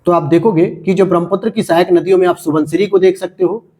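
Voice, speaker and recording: A man's voice: high-pitched, steady tone, fast, warm tone. A man teaching and going over test questions, talking straight to students and asking and answering his own questions. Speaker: exam-prep teacher.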